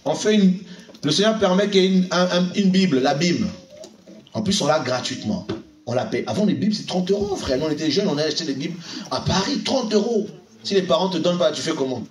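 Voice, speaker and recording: Animated high-voiced male preacher. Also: fast talker, reverberant, recorded from a distance, a little hiss or hum. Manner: animated, exhorting, acts out dialogues. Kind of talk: sermon.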